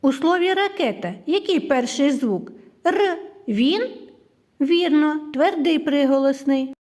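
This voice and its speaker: A woman gives a literacy lesson to young children, speaking slowly and clearly. Her voice sits high and swoops up and down in a sing-song way. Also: animated, darkish tone. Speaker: teacher.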